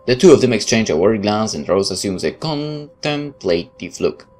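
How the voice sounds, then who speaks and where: Low-voiced sarcastic male let's player. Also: sing-song, normal speed, darkish tone, soft background music. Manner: sarcastic, interjecting quips. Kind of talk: game playthrough, reading text aloud with joking asides.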